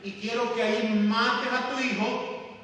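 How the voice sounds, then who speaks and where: A man preaching and voicing God as a solemn, commanding divine voice, speaking slowly and emphatically, heard in an echoey church hall from a distance. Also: very high voice, flat delivery, sharp tone, exaggerated voice.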